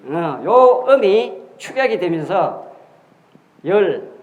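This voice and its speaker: A man's voice: sits high, big pitch swings, slow, lo-fi sound. A man giving a classroom lecture on history and characters, explaining step by step with rhetorical questions and repeated key words. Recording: echoey room.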